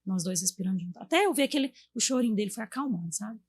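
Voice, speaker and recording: A woman's voice: mid-range voice, animated, rapid-fire, husky. A woman in her thirties with a Brazilian Portuguese accent, a guest in a casual chat, telling stories about her children and acting out what she said to them. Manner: warm storytelling, acts out quotes to her kids.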